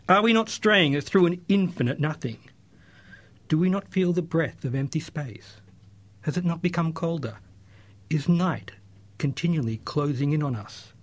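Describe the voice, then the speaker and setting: A man reading aloud as a madman who preaches fervently in a marketplace. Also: a little high. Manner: read aloud with rising fervor.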